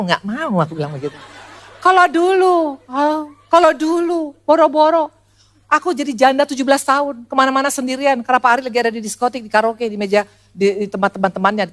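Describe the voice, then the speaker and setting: Woman pastor in her sixties, church sermon, animated delivery, loud high call-outs and low quiet asides. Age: 60s. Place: church service before a congregation.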